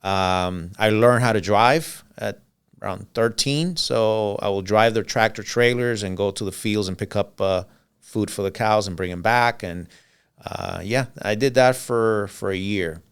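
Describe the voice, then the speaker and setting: A middle-aged man born in Cuba whose first language is Spanish, telling his life story as a podcast guest in a relaxed, rambling way with many "uh"s and "um"s. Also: on the low side, measured pace, clear, resonant tone. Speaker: podcast guest, business owner. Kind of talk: casual interview storytelling.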